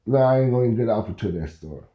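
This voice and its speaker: Rapid-fire and lively in intonation, a medium-pitched podcast host from Oklahoma, in his fifties, spins a rambling, casual tale and keeps checking in with "you know where I'm coming from." The sound is muffled and the room echoes.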